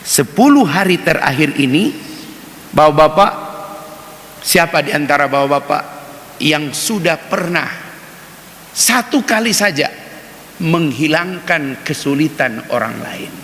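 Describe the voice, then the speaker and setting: A man's voice: on the high side, expressive, a little slow, long pauses, a bit bright. A man preaching a sermon in a mosque, chatty and direct, often turning to speak to the men listening. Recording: reverberant mosque hall, faint hiss.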